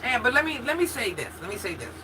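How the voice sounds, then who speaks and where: A woman's voice: on the high side, big pitch swings, fast talker. Fifties lady livestreaming, answering chat, candid and chatty, laughs a lot, ac hum underneath. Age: 50s. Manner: chatty and candid, talks straight to chat with frequent laughs and restarts. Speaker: livestream host reading viewer comments. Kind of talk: casual chat.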